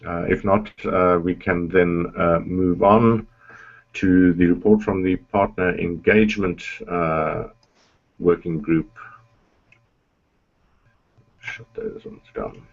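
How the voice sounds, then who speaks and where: A low, gravelly man with a husky edge chairs a committee meeting over a conference call. He talks in a halting, measured way, full of fillers, and the lo-fi call audio sounds muffled. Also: steady tone.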